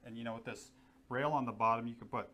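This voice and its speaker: Wearing a lapel mic in a small indoor studio with guns mounted on the wall, a middle-aged man chats casually about gear, easygoing and enthusiastic and full of fillers. His mid-range voice is bright and forceful with a steady tone and quick pace, and the recording has a little hiss or hum.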